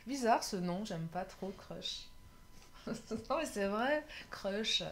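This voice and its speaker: A woman's voice: mid-range voice, expressive, takes it slowly, slight background noise. A woman doing a casual love tarot reading, chatty and often laughing, sometimes tripping over her words. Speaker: tarot card reader.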